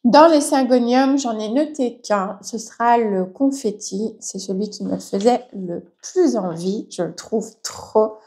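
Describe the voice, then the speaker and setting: A woman's voice: fairly high pitch, measured pace, hardly any pauses, warm tone. Woman vlogger, casual and enthusiastic to camera, keeps stretching out her words for emphasis, a bit self-mocking. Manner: chatty, enthusiastic, self-deprecating. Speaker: plant vlogger. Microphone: reading from a notebook to camera.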